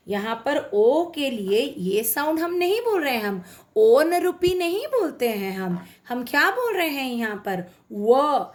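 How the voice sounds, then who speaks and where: A woman teacher explains grammar, drawing each word out very slowly. Her high voice swoops up and down as she repeats examples. She keeps stopping to check that her students follow. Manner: slow, drawn-out, repeats words and checks understanding. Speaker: English teacher.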